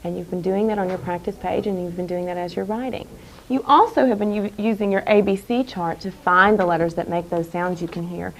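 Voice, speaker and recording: A woman teaching young children in a classroom, speaking in a deliberate, carefully enunciated, instructive way and repeating key phrases. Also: lowish voice, steady tone, poor audio. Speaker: elementary school teacher. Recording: clear background noise in a classroom.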